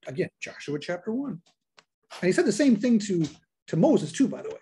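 A woman's voice: on the low side, very animated, brisk, dark tone, a little hiss or hum. A woman pastor giving a sermon, reading scripture aloud and repeating key lines for emphasis.

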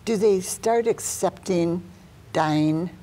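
An older woman in about her seventies hosting an interview, asking questions in measured phrases with pauses. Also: lowish voice, warm tone. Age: older, about 70s. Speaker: talk show host, interviewer.

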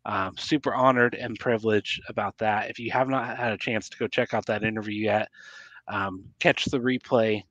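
A man's voice: fairly low pitch, steady tone, normal speed, fairly bright tone. A man co-hosting a casual wrestling podcast, talking with many fillers and plugs. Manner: rambling, many ums, thanks guests. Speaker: podcast co-host. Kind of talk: casual chat. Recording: muffled lo-fi audio.

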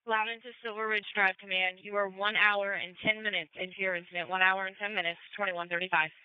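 A woman's voice: medium pitch, steady tone, fast talker, smooth, dry recording. A woman working as an emergency dispatcher, making formal procedural announcements over a crackly, military-style radio. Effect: crackly two-way radio. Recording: dull, crackly radio scanner audio.

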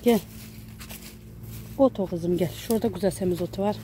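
Filmed on a handheld camera, this casual garden tour vlog follows a woman through her countryside home garden by a mountain as she talks to viewers and her small daughter. She speaks at a moderate pace in a lowish voice, with background noise audible.

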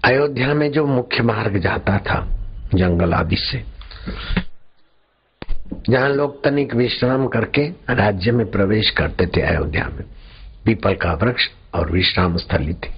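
A man giving a sermon, telling a religious story in slow, drawn-out phrases with dramatic pauses. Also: on the low side, breathy edge. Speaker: spiritual preacher. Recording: dull lo-fi recording, faint background noise.

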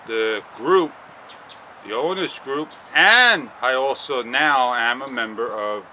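Slow, halting man outdoors with bright tone. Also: mid-range voice, slight background noise. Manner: slow, halting, frustrated rambling with long pauses. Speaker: vlogger. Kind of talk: casual walk-and-talk vlog. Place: outdoors on a sunny garden patio and paths. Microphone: small wireless clip-on mic.

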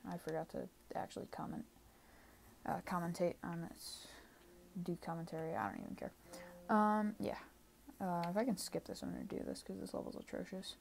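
A woman's voice: on the low side, vocal fry, darkish tone, slight background noise. A woman doing casual gameplay commentary at home, always sounding tired, offhand and rambling. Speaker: gaming channel creator. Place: home room. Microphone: desk microphone.

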